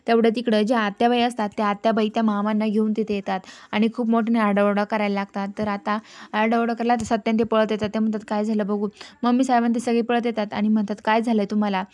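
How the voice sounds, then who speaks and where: A woman casually retelling a story episode, halting with fillers and restarts. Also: a little high, level tone, darkish tone, no room sound.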